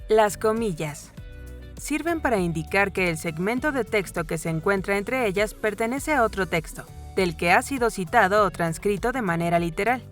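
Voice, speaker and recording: Female narrator, calm scripted lesson read over faint music, mid pitch. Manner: calm, even read with clear pauses.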